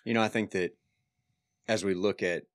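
Man in his forties, low pitch, dry close sound, hedging, restarts sentences. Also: steady tone, moderate pace, no room sound. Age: 40s. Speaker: podcast co-host. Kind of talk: casual chat.

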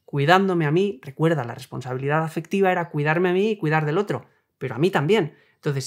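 A young adult man, hosting a self-help video and calmly explaining ideas with worked examples. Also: on the high side. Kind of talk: explanatory talk on relationships.

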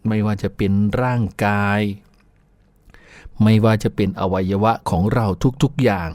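A man's voice: on the low side, fairly even intonation, a little slow, a little mellow, dry recording. A man hosting a radio show, telling folksy childhood stories in a chatty way and laughing often. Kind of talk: folksy storytelling. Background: faint music.

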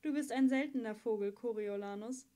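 A woman's voice: on the high side, a little fast, mellow, natural voice. A woman reading an audiobook, voicing a weakened, chained teenage girl who talks plainly and wryly. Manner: wry and plainspoken. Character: weak, chained teenage girl singer, wry.

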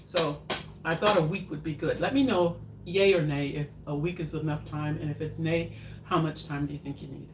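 An older woman with a low-pitched, fairly even voice talks at normal speed while hosting a live home cooking show, rambling casually as she answers viewer questions. She's indoors in her home kitchen, picked up by a far camera in front of the counter, so the sound is echoey, noisy, and distant.

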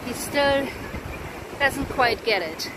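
A family vlogger with a high, lively voice films on a handheld phone at an ocean beach, narrating slowly with excitement and frequent exclamations and laughter. Loud surf noise fills the background.

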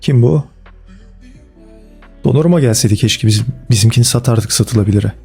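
A man commenting casually and excitedly on football game cards as a gaming video host, with slangy, chummy talk aimed at his viewers. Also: medium pitch, fairly quick, creaky, slightly rough. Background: faint background music.

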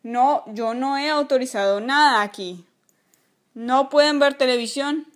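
A woman's voice: on the high side, normal speed, natural voice. A woman voicing a strict, bossy toy father who scolds and barks orders in a toy play video. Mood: stern.

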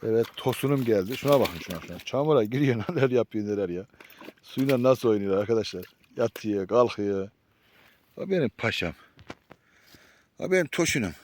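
A man's voice: on the low side, animated, brisk, darkish tone, slight background noise. A man filming his dogs on an outdoor walk, chatting affectionately to viewers and calling the dogs pet names. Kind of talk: casual commentary to viewers. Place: outdoors in nature.

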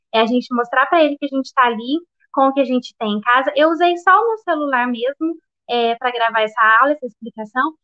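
A woman's voice: high voice, muffled recording. A woman teacher with a Minas Gerais Brazilian accent sharing her experience in a casual, filler-heavy way. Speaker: primary school teacher. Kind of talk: sharing a practice at an online meeting.

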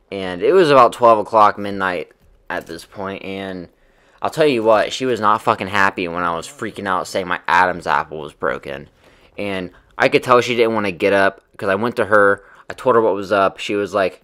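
Low-voiced young man rambling through a story. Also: normal speed, pushed and bright. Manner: rambling, loose, heavy with fillers and swearing. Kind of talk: casual storytelling.

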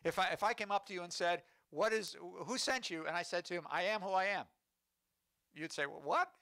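A man's voice: high-pitched, brisk, pushed and bright, smooth, dry recording. A man preaching as a rabbi, explaining scripture with rhetorical questions to his congregation. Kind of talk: sermon. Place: congregation sanctuary.

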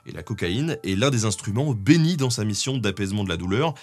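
A man's voice: fairly low pitch, animated, fairly quick, a little mellow. A man explaining history in a casual, chatty way, often dropping in small fillers. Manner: chatty, with many fillers like "hein". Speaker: guest co-host.

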